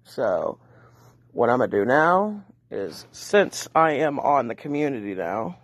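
A man's voice: medium pitch, very animated, a little slow. A man in his twenties casually narrating what he does on his phone as an internet troll. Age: 20s. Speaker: amateur video maker trolling a voice chat. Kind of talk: casual narration of own screen activity. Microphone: handheld phone camera, close.

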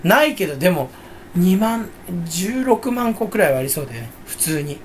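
A man rambles through a casual solo talk, jokey and self-mocking. His pitch jumps up and down a lot as he rambles. He talks as a channel host with no one else there. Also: very animated, moderate pace, slight background noise.

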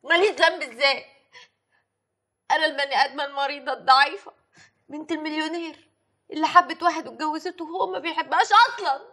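A woman's voice: sits high, normal speed, few pauses, lightly acted. An actress playing a wounded young rich man's daughter, speaking Egyptian Arabic in a pleading tone. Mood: hurt, pleading. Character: young ill millionaire's daughter, hurt.

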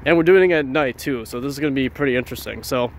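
A man hosts an informal vlog with a handheld camera out in the open air. His voice sits at a middle pitch, and he rambles to his viewers in a loose, chatty way, often repeating phrases as he goes. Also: racing, slight background noise. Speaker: YouTuber, vlog host. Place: outdoors at night on trails and roads.

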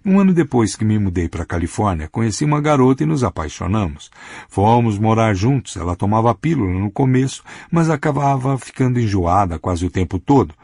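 A man's voice: on the low side, expressive, fairly quick, a little mellow, breathy edge, no echo, clean studio sound. A male audiobook reader voicing a wisecracking grown man, a joker among old friends. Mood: joking. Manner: jokey, theatrical.

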